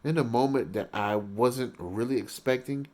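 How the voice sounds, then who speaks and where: A man giving casual, rambling commentary on a TV episode, halting and restarting his sentences and getting excited at big moments. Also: mid-range voice. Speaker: reaction video host.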